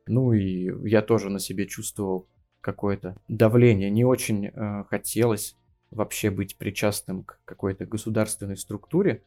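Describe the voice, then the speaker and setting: A man's voice: fairly low pitch, dark tone. A man in his thirties from Russia, a geography teacher talking as a podcast guest, hesitant and full of fillers. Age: 30s. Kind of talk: casual interview.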